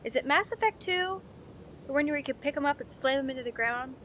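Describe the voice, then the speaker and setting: A woman's voice: high voice, expressive, fast, a bit bright, slight background noise. A young woman doing let's play commentary, sarcastic and joking, reading game text aloud and swearing now and then. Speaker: gameplay streamer.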